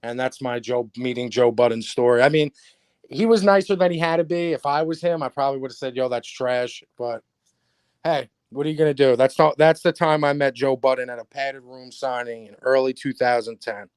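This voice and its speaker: A man's voice: mid-range voice, a little fast, clean tone, no room sound, studio quality. A man with a New York accent hosting a podcast, ranting sarcastically and profanely in casual chat. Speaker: podcast host. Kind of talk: casual livestream podcast rant.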